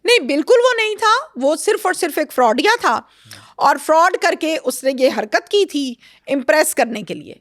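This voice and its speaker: A woman, an interview guest, recounting a crime case in lively conversation and acting out the quoted dialogue. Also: high voice, dry recording, clean studio sound. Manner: animated storyteller, acts out quoted dialogue.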